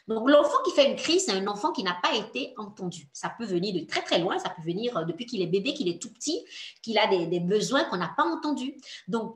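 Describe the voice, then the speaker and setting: Lively coaching woman in an echoey room. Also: a little high. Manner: earnest and encouraging, addresses the listener directly. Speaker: coach for mothers. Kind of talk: workshop talk.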